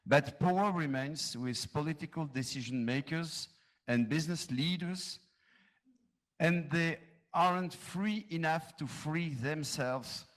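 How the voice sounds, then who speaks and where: A man from France, a conference panelist, reading prepared answers in careful, slow English. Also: a little high. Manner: slow, careful non-native English, reads aloud.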